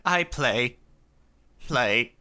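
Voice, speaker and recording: A man putting on the voice of a malfunctioning dueling computer, a robot that glitches and repeats itself in halting bursts. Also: medium pitch, lively intonation, pushed and bright, full character voice. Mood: glitching. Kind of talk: podcast banter, putting on a voice.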